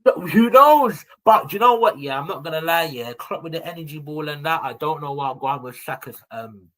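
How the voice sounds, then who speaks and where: Animated young man talking football. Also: fairly high pitch, a little fast, rough recording. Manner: animated slangy banter, addressing listeners as people. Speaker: football podcast pundit. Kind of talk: casual fan chat.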